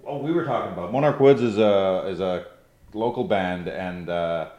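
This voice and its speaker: A man's voice: low-pitched, moderate pace, a little mellow, highs cut off. A man hosting a casual chat with a band, jokey and easygoing. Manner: jokey, easygoing, lots of fillers. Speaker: podcast host. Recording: echoey room.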